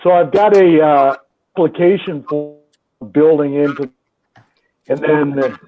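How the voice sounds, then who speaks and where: A man who runs a restaurant, chatting casually over a video call. He talks haltingly with many pauses and restarts, and his audio is buzzy and glitchy, breaking up and freezing. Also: fairly high pitch, steady tone, faint music behind. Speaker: restaurant owner joining a live chat by video call. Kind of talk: casual chat. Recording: tinny, noisy call line.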